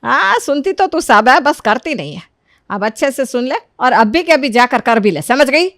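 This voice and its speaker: A woman voicing a scolding but supportive middle-aged mother in a cartoon, speaking loudly and emphatically. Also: high voice, sing-song, moderate pace, no room sound, clean studio sound, voice pushed up, exaggerated voice.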